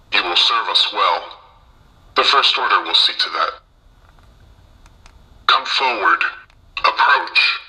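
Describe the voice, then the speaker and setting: A man's voice: lowish voice, bright, forceful tone, heavily acted, poor audio. An actor playing a cold, commanding masked male villain, heard through a mask voice changer played back from a soundboard. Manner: clipped, menacing canned phrases.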